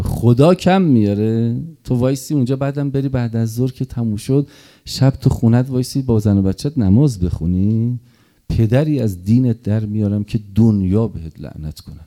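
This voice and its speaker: A middle-aged man giving an impassioned mourning sermon, dropping to murmurs and rising to loud cries. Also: mid-range voice. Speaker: religious eulogist.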